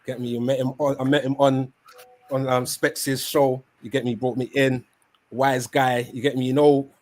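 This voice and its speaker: A man's voice: medium pitch, little pitch movement, moderate pace. London roadman host, slangy and casual. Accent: London roadman, Multicultural London English. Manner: street slang with repeated tag questions. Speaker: podcast host. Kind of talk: casual slangy football chat.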